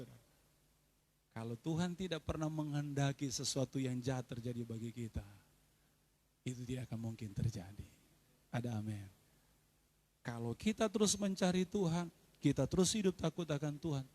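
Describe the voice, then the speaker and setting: A male pastor preaching a lively sermon at a church service, calling out to his congregation. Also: a little high. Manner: animated preaching, calls out to the congregation.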